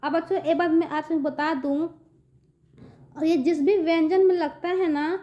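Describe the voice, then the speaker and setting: Woman teacher, high voice, patient, children's reading lesson, dull lo-fi sound. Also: steady tone, moderate pace, warm tone. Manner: patient, repeats checks for understanding. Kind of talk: children's online Hindi lesson.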